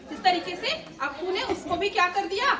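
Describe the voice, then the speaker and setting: A woman storyteller telling a puppet story to children, often pausing to ask them questions. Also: extremely high pitch, animated, crowd noise. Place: large indoor hall. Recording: echoey hall from far off, children around.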